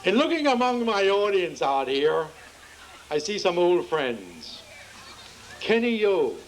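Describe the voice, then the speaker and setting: High-voiced Pennsylvania Dutch joke teller. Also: male voice, big pitch swings, takes it slowly, a little hiss or hum, rough recording. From Pennsylvania, USA. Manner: folksy, playful, addresses the crowd. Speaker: emcee telling jokes. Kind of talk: folksy stand-up joke telling. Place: outdoor town festival.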